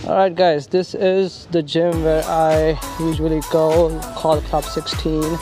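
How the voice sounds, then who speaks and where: A man's voice: a little high, little pitch movement, unhurried, dark tone, soft background music. Upbeat man vlogging, lots of uhs. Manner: upbeat, hesitant with frequent fillers. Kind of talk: casual vlog talk to camera. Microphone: handheld camera mic.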